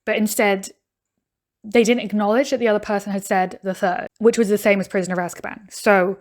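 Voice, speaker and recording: A woman's voice: medium pitch, fairly even intonation, brisk. A woman giving casual reaction commentary on a video, chatty, thinking aloud and laughing now and then. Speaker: YouTuber reacting to a game show video.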